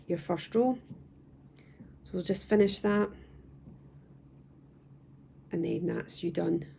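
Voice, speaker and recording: A young woman from the UK calmly walking viewers through crochet stitches step by step at home, patient and repeating herself as she goes. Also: fairly low pitch, gravelly, a little hiss or hum. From United Kingdom. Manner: calm, patient, repeats and restarts phrases. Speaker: crochet tutor. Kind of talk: step-by-step craft tutorial. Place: at home, indoors.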